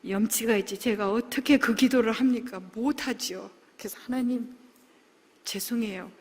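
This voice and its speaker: A middle-aged woman, a pastor's wife, giving an earnest, emotional testimony sermon, moving from soft asides to loud exclamations. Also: fairly high pitch, normal speed, breathy edge. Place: large church hall. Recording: long hall reverb.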